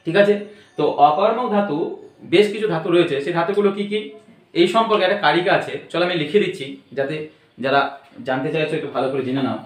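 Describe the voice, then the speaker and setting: A man's voice: fairly high pitch, fast talker, reverberant, low-quality recording. A man teaching an online grammar lesson, explaining patiently step by step and checking in with repeated questions.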